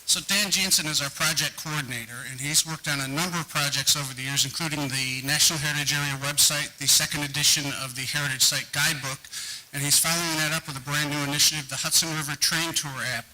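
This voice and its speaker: Fast, bright man introducing a colleague. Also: on the high side, steady tone, poor audio. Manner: brisk, smooth introduction. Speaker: presenter introducing staff. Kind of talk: public meeting remarks.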